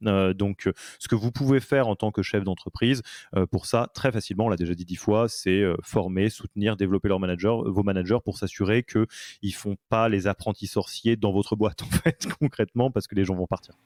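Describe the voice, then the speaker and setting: Low-voiced man hosting a podcast. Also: steady tone, fairly quick, a little mellow, dry recording, studio quality. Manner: hesitant, many fillers and restarts. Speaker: podcast host. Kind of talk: casual interview conversation.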